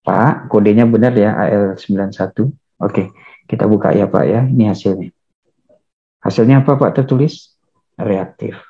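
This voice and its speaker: A man lecturing on counseling, calm and measured, acting out what counselor and client say. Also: fairly low pitch, vocal fry. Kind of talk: lecture with acted counseling examples. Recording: dull lo-fi recording.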